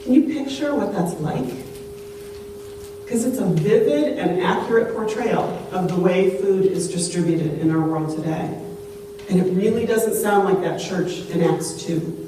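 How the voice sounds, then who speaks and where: Pastor at the pulpit mic, chatty storytelling sermon, booming church echo, set back from the mic. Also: unhurried. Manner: conversational storytelling, asks the congregation questions. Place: church sanctuary. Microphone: pulpit microphone. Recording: very echoey church, distant mic, faint hum.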